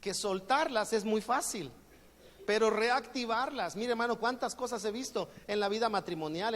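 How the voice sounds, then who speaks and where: A man with a Mexican accent preaching a sermon as pastor, joking and acting out everyday exchanges. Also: sits high. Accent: Mexican Spanish. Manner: jokey, acts out everyday exchanges. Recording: long hall reverb.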